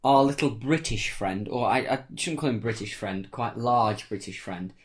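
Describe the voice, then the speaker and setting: Male co-host, mid pitch, halting start, chatty film talk. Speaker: podcast co-host. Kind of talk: casual film review chat.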